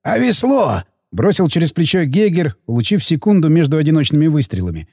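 A man's voice: on the high side, big pitch swings, brisk, a little mellow, slightly rough, no echo, studio quality, exaggerated voice. A man voicing an older, nervous and sentimental male mercenary technician who pleads in a raised voice. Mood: pleading.

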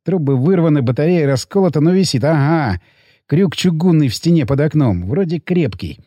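A man narrating an audiobook in a gruff, coarse first-person voice. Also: fairly high pitch, lively intonation, normal speed, mellow, dry recording.

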